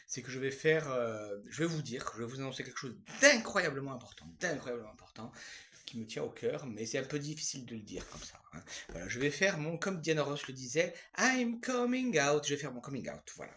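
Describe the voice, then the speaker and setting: A man doing a rambling comic monologue to camera, crude and jokey, full of fillers and repeated phrases, swinging between loud outbursts and low mutters. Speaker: vlogger.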